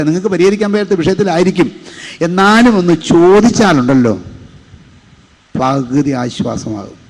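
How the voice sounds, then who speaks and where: A man pastor preaching a sermon in a church, breaking in often with "praise God, hallelujah". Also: fairly high pitch. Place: church sanctuary. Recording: long hall reverb from a church live stream.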